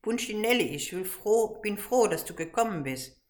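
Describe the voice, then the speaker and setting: A woman voicing a big, bearded, kindly woodcarver in a read-aloud storybook, speaking gently and reassuringly. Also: medium pitch, animated, normal speed, pitched above the performer's own voice, lightly acted.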